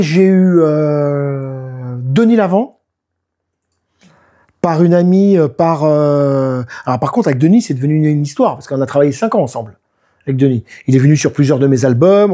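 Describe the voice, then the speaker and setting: A man in his fifties, a musician, chatting in an interview and acting out what people told him. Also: a little high. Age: 50s. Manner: lively storytelling, often acts out what people said. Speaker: musician and producer, guest. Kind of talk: casual interview talk.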